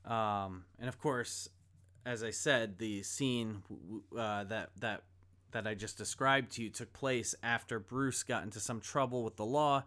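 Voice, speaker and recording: A man's voice: lowish voice, unhurried, bright, forceful tone. A man preaching a sermon, reading scripture and then retelling a film scene in a conversational way. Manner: conversational storytelling, acts out quoted dialogue. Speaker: pastor.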